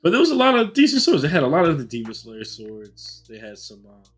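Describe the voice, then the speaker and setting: A young man co-hosting a casual podcast chat, talking through a stuffy, congested nose, animated and joking, laughing often. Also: on the high side, brisk, soft background music. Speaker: podcast co-host.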